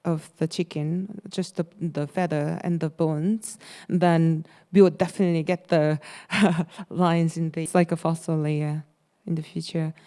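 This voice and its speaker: A woman's voice: low-pitched, steady tone, unhurried, warm tone. A woman presenting design projects in a casual, hesitant way, with many fillers and restarts. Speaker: course presenter.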